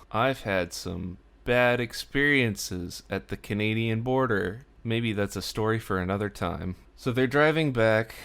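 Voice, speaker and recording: A man's voice: on the low side, a bit bright, clear, resonant tone. A man casually recapping an episode of a sitcom in a chatty, wry way, often using filler words.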